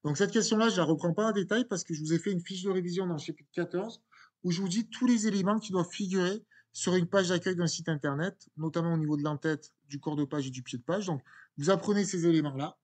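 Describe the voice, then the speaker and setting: A man's voice: sits high, fast, darkish tone. A man teaching, walking students through an exam correction in a conversational way, with fillers and restarts. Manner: conversational, repeats words, many fillers and restarts.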